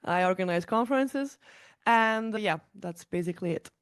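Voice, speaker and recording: Woman from serbia, seo freelancer, friendly quick intro. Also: medium pitch, lively intonation, smooth. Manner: friendly, brief self-introduction. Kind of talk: panel introduction.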